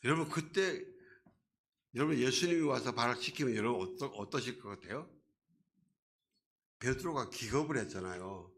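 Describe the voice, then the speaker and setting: A man's voice: mid-range voice, expressive, brisk, a bit bright. A man preaching a sermon as a pastor, in a conversational way that asks the congregation questions and acts out quoted voices.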